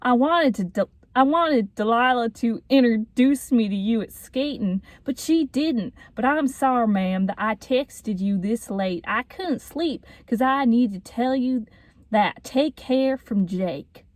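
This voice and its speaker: A woman voicing an awkward, overly formal young man with a put-on Southern accent, reading his message aloud slowly. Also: a little high, lively intonation, no echo. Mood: earnest. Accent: attempted Southern US. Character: earnest awkward young male stalker, Southern-voiced.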